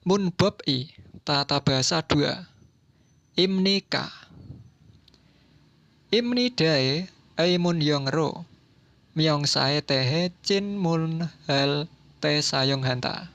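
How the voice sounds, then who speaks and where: A man reads a textbook language lesson at a very slow, deliberate pace, giving each word and then its meaning. The recording is dry and dull, with no room sound. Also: on the high side, fairly bright tone, no echo. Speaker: language teacher.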